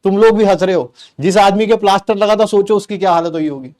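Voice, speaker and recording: A middle-aged man, a teacher telling a comic story from his childhood to his live class in an animated, teasing way. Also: sits high, fast talker. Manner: animated and playful, teasing the class with rhetorical questions.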